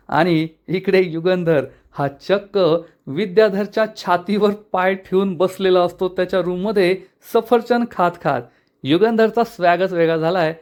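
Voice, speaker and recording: A man narrating an episode recap of a TV serial, telling the story with quoted dialogue. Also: high-pitched. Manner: animated storytelling, quoting dialogue. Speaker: TV serial reviewer.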